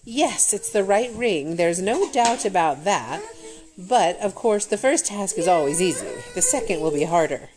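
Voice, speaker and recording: A woman's voice: mid-range voice, expressive, darkish tone, soft background music, natural voice. Woman doing a smirking, cackling old witch queen for a storybook. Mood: grudging. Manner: cackling, smirking, drawn-out taunts.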